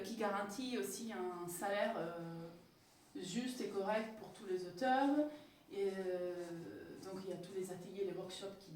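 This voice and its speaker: A woman's voice: mid-range voice, darkish tone, slight background noise. A woman from Italy speaking with an Italian accent, giving a hesitant, casual talk full of fillers as an author-illustrator. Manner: hesitant, many fillers and restarts. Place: community hall with audience. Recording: echoey hall from far off.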